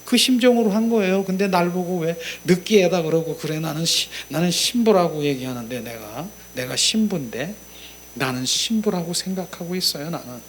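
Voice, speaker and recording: Fervent Korean pastor with a fairly high voice. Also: male voice, moderate pace, a little hiss or hum. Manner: emotive preaching, swings from loud exclamations to soft murmurs. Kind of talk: sermon.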